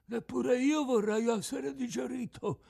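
Man voicing a philosophical tuna, high cracked voice, resigned manner, storybook reading. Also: fairly even intonation, a little slow, creaky, warm tone, breathy edge, full character voice. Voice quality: cracked, out-of-tune voice. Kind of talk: audiobook character voice.

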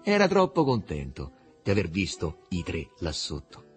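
A man narrating a novel aloud with an expressive, varied delivery. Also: low-pitched, normal speed, soft background music. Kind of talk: literary audiobook reading.

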